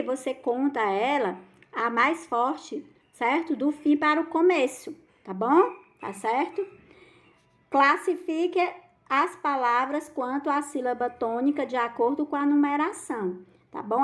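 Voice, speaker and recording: Brazilian woman teacher, high voice, patient and affectionate, drags out key words for kids. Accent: Brazilian Portuguese. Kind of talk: recorded school lesson for children.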